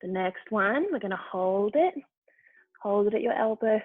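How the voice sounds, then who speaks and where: A woman's voice: mid-range voice, lively intonation, moderate pace. A woman leading a yoga class, giving short, encouraging cues for each movement. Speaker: yoga instructor. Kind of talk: guided yoga class instruction. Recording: tinny phone-like dry sound.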